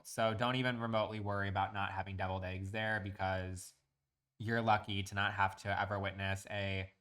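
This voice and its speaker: A man's voice: lowish voice, sharp tone. A young man chatting casually while streaming a building game, ranting in crude, profane comic bits and reacting to chat.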